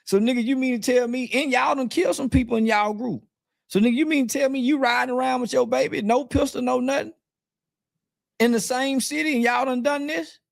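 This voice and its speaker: A man's voice: very high-pitched, a little fast, vocal fry, dry recording, studio quality. A man giving an angry, defiant interview rant, blunt and profane, repeating his points over and over. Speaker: interview guest.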